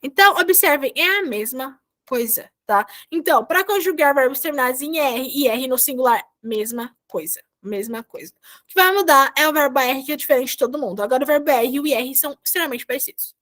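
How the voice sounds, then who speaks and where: A woman's voice: sits high, brisk, fairly bright tone. A woman teaching a Spanish grammar class over a video call, explaining verb endings patiently step by step and repeating herself often.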